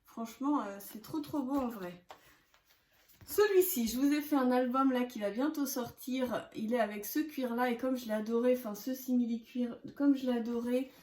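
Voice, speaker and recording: A woman in her thirties showing her craft purchases in casual chat to camera, talking with many hesitations and soft laughs. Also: a little high, moderate pace, reverberant. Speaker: scrapbooking vlogger.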